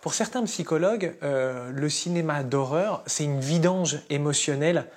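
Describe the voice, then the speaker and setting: A man hosting an interview, asking questions in a measured, polished way. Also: fairly high pitch. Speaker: interviewer, host. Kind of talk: scripted narration and interview questions.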